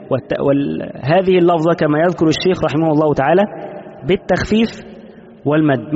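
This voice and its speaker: A man's voice: fairly high pitch, a little mellow, slightly rough. A man teaching a classical legal text, reading passages and explaining them in colloquial asides. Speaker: sheikh teaching Islamic law. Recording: dull lo-fi audio with long reverb.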